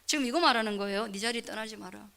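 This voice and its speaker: A woman pastor preaching a sermon who asks the congregation questions and answers them herself. She swings between fervent near-shouting and soft whispers. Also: a little high, fast talker, gravelly.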